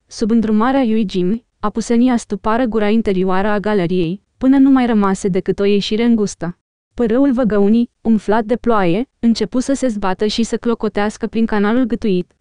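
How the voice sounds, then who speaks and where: Brief: woman narrator, slightly higher voice, mellow, steady storytelling. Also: clear, resonant tone, dry recording, clean studio sound. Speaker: audiobook reader. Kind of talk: scripted narration.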